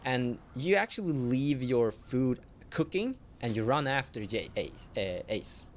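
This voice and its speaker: A man narrating as game master of a tabletop horror game, in slow, halting speech with self-corrections. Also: medium pitch, very animated, a little hiss or hum.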